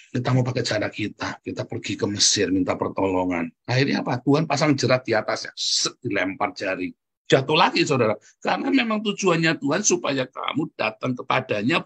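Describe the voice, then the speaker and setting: A man preaches with a husky, slightly breathy voice at an ordinary pitch. He speaks emphatically but candidly, like someone sharing his own experience from the pulpit. He keeps turning to address his listeners directly. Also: a bit bright. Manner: candid, conversational preaching with personal stories. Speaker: pastor. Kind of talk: sermon.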